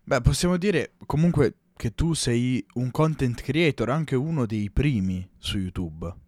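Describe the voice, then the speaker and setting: Male interviewer, medium pitch, dry sound. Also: lively intonation, measured pace, a little mellow, no echo. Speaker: interviewer, show host. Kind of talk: semi-scripted interview hosting.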